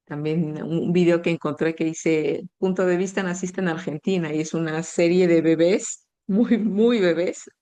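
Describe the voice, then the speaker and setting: A woman teacher calmly walking through a conversation lesson, reading example phrases slowly and explaining them. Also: low-pitched. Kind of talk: explaining class materials.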